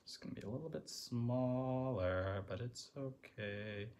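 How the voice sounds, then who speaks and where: A man's voice: medium pitch, a little slow, darkish tone, a little hiss or hum. A man teaching third graders a music lesson, chanting rhythm syllables and encouraging the children.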